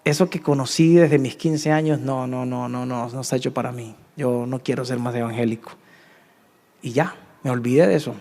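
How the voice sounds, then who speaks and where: A man in his thirties with a Colombian Spanish accent, telling his testimony in a sermon, swinging between hushed confession and emphatic peaks. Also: steady tone, moderate pace, big-room sound. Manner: emotional storytelling, dropping to hushed tones and rising to emphatic highs. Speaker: preacher.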